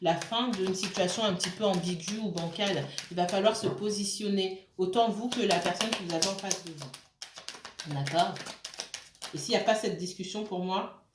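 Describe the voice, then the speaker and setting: A woman's voice: medium pitch, normal speed, noisy background. A woman giving a casual tarot reading, hesitant, with many fillers and restarts, and often checking in with her listeners. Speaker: tarot card reader. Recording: roomy echo.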